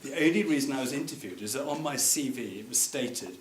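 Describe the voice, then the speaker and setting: A man's voice: medium pitch, animated, a little fast. A man giving an anecdotal memorial speech at a reception, wry and often laughing as he digresses. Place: museum reception room. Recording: echoey room with background noise.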